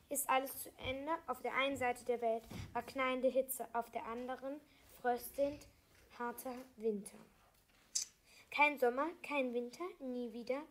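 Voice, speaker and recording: A woman reading aloud a self-written fantasy story, halting, with small slips and restarts. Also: on the high side.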